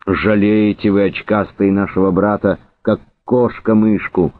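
A man voicing a brutal young male Cossack platoon leader, who shouts harshly. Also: very deep voice, lively intonation, a little slow, husky, heavily acted. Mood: menacing. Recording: narrow phone-like sound.

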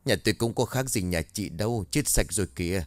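A man's voice: fairly low pitch, a little fast, no room sound, lightly acted. A man voicing a blunt, stubborn middle-aged village farmer. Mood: gruff. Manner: blunt, dismissive.

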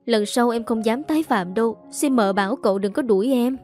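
A woman voicing a young female maid in a storybook reading, pitching her voice higher than her narration and stammering when the maid is scared. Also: fairly quick, darkish tone, faint music behind, lightly acted. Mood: tearful pleading.

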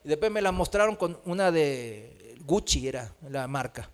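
A preacher with a notably high-pitched voice. He delivers his sermon as a run of rhetorical questions, often closing a point with a short "¿no?". He slips into other voices when quoting people. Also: animated, normal speed. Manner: rhetorical questions with frequent tag "¿no?"; acts out quoted voices.

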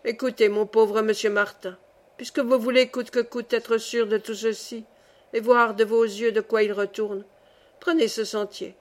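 A woman's voice: a little high, level tone, normal speed, lightly acted. Woman reading as a solemn, formal angel. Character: grand solemn male angel keeping a ledger.

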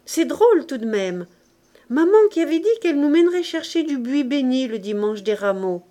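A woman's voice: a little high, expressive, unhurried, darkish tone. A woman voicing a polite, earnest little boy in a storybook reading, in a raised voice.

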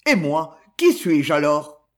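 A haughty, villainous count, as a man reads him out in an audiobook. The voice is high and richly varied, and it carries a proud, indignant tone. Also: big pitch swings, slow pace. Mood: startled. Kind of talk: audiobook reading.

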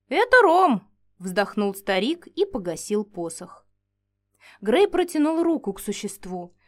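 A woman narrating a first-person fantasy audiobook in an expressive, animated way. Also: on the high side.

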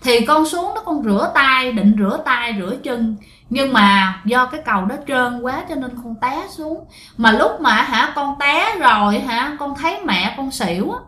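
A woman's voice: sits high, lively intonation, normal speed, pushed and bright. A woman voicing the ghost of a drowned little boy, speaking in a plaintive, childlike way. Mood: sorrowful. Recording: roomy echo.

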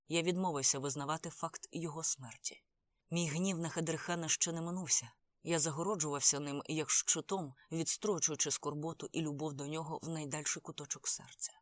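Steady audiobook narrator, dry sound. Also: medium pitch, no echo. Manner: measured, steady storytelling. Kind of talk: scripted first-person narration.

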